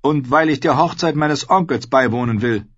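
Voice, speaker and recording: A man's voice: mid-range voice, normal speed, fairly bright tone, no echo, voice pushed up, natural voice. A man voicing a nervous, apologetic young nobleman. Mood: earnest. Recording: dull, slightly lo-fi audio.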